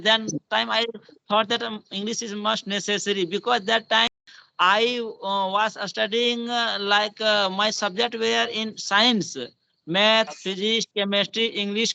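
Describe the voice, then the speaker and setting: A man's voice: high-pitched, creaky, sharp tone, dry recording. A man in his thirties with an Indian accent, chatting in broken English with frequent repeats and self-corrections. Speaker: English learner. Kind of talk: casual spoken-English practice chat. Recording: dull lo-fi online call.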